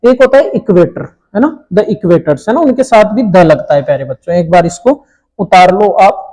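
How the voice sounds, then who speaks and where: A man teaching an English grammar lesson to children, explaining slowly and checking in often. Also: high voice, lively intonation, darkish tone, poor audio.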